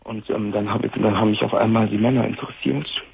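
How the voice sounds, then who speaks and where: A man's voice: on the low side, steady tone, fast, creaky, narrow, tinny audio, a little hiss or hum. A man in his twenties calling a talk show and talking about personal matters in a plain conversational way. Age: 20s. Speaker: caller.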